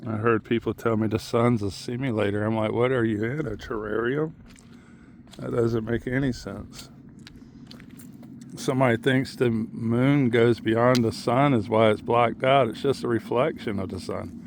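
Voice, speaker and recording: A man's voice: medium pitch, steady tone, normal speed, a little hiss or hum. A man vlogging in a rambling, plain-spoken monologue as he walks outdoors, musing and drifting from one thought to the next. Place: outdoors on a muddy tidal shore.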